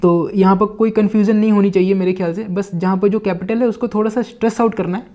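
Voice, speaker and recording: A man with an Indian English accent teaching vocabulary, reading English lines slowly and then explaining in Hindi with many fillers. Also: sits high, fairly even intonation, dark tone, muffled recording. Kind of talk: Hindi-English lesson explaining a book line by line.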